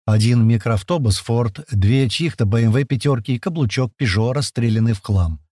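Husky male audiobook narrator. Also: medium pitch, a little fast, no echo, studio quality. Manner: lively, shifts voice for quoted characters. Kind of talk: scripted first-person narration with acted dialogue.

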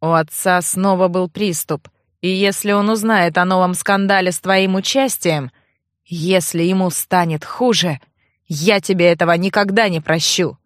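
Brief: woman doing a cold, growling young nobleman for an audiobook, lowered voice, close and dry. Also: steady tone, moderate pace, no echo, close to an everyday voice. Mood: grim. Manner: low, clipped, growling. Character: brooding angry young nobleman. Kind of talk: audiobook character voice.

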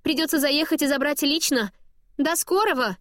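Woman putting on a bubbly high-voiced mum on the phone. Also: normal speed, a bit bright, dry recording, studio quality. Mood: cheery, embarrassed. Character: cheerful flustered mother on a crackly phone.

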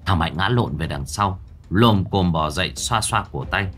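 A man narrating a story in a dramatic, animated way. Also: low-pitched, normal speed, faint music behind. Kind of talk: scripted storytelling.

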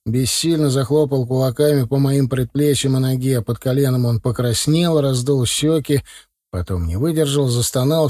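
A man's voice: medium pitch, darkish tone, no echo. Male audiobook narrator, dry close sound. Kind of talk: scripted narration of a novel.

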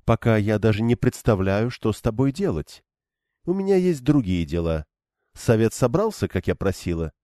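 A man's voice: on the low side, big pitch swings, normal speed, warm tone, no room sound, studio quality. Man voicing a stern young woman leader. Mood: cold. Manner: cold, clipped and firm.

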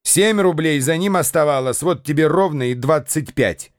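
A man's voice: moderate pace, no echo, clean studio sound, close to an everyday voice. An actor voicing a huge, brawling young man who roars his lines in a radio play. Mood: rowdy. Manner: booming, roaring.

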